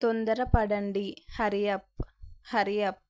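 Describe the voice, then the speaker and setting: A woman with a Telugu accent teaching spoken English, saying each short phrase twice, slowly and distinctly. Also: medium pitch, fairly even intonation, darkish tone, dry recording. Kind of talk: slow repeat-after-me phrase drill.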